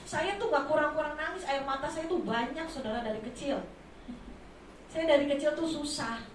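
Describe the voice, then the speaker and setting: Woman preacher, high voice, impassioned, swings between soft and loud, booming church hall, heard from far off. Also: moderate pace, slight background noise. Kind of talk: sermon.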